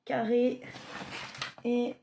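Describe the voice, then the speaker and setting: Speaking very slowly in a completely flat, fairly high voice with a dark tone, a young woman casually presents her diamond painting stock as a vlogger. She hesitates a lot, filling gaps and correcting herself, over clear background noise.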